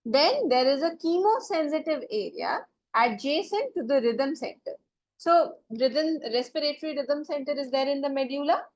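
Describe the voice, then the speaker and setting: A woman's voice: sits high, expressive, moderate pace, highs cut off. A woman teacher giving a classroom lecture, explaining step by step and often checking that students follow. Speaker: biology teacher.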